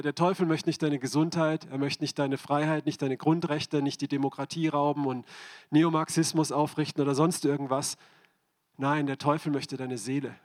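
German man preaching a lively sermon. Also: on the high side. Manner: direct, questioning the audience.

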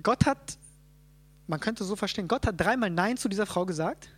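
A Bible teacher explaining a passage in plain, unhurried teaching talk. The speaker keeps checking in with the group with a quick "ja?". Fillers and restarts come often while thinking aloud. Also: medium pitch, lively intonation, slightly rough. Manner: checks in with listeners, frequent "ja?".

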